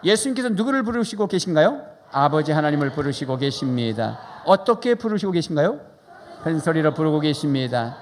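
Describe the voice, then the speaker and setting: A man preaching as pastor, praying fervently and leading the congregation through questions and repeated phrases. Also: sits high. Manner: fervent, repetitive, leads congregation in loud calls. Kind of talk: sermon with fervent prayer and call-and-response. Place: large church sanctuary. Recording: live church hall reverb with music.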